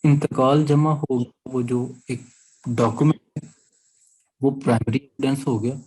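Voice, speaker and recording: Speaking unhurriedly in a steady, slightly mellow voice of medium pitch, a man with a Pakistani accent lectures on law. He explains step by step, frequently checks that the class understands, and responds to student questions, all captured on a low-quality recording.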